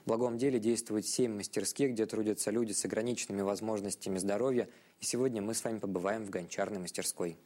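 A man presents a religious television programme, delivering scripted educational narration in a lowish, warm, steady voice. His phrasing is formal, bookish and measured.

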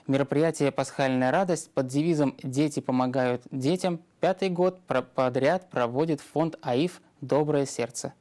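A man's voice: medium pitch, moderate pace, hardly any pauses, a little mellow. A man reading scripted news as a programme presenter.

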